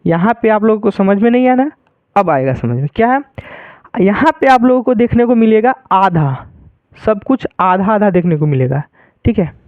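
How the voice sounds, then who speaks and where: A man teaching Hindi grammar who explains slowly and keeps repeating each example as a question to his students. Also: high-pitched, sing-song, dry recording. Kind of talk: grammar lesson. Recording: tinny phone-like sound.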